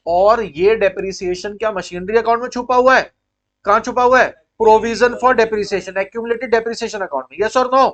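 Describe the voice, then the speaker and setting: Indian male accounts teacher, high-pitched, lecture delivery with constant check-ins. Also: unhurried, a bit bright. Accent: Indian English. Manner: quizzing pupils, repeating key points. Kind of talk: classroom-style lecture.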